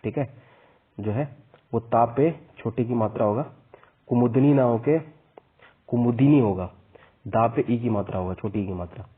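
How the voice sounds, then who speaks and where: A man teaching a spelling lesson for an exam, slowly spelling out each vowel sign and repeating the corrections. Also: medium pitch, breathy edge. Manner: slow and repetitive, spelling out vowel signs. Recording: tinny phone-like sound.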